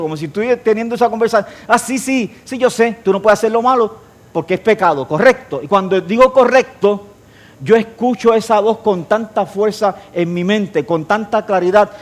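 Middle-aged male preacher, high voice, playful with his flock, swings between loud and hushed. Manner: jokes with the congregation, shifts between loud and quiet. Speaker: pastor. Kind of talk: sermon.

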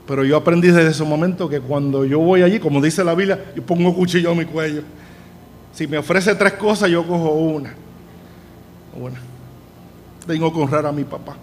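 A man preaching a sermon, emphatic and slowing down to stress key points. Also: on the high side, a little mellow, slight background noise.

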